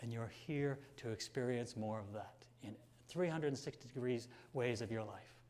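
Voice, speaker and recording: A male minister preaching a sermon, reading passages aloud, slow and tender on some lines and rising with emphasis on others, sometimes dropping almost to a whisper. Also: medium pitch. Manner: drops to a near whisper at quiet moments.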